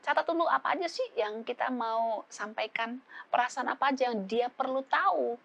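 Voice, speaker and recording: A woman psychologist, giving advice in a relaxed talk show chat, full of fillers and acted-out family dialogues. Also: fairly high pitch, moderate pace, gravelly, muffled recording. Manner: acts out parent-child dialogues with shifting voices; frequent fillers, relaxed conversational. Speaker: psychologist guest.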